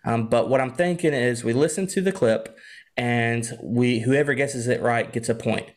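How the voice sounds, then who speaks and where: A young man chatting on a podcast, loose and easygoing, laughing between stories. His voice sits at an everyday middle pitch. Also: moderate pace. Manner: laughs often, chatty with frequent "like" fillers. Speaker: podcast co-host. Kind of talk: casual chat.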